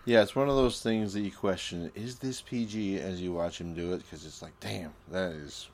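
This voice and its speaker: Male co-host, deep voice, casual laid-back chat, emphatic. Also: normal speed. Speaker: podcast co-host.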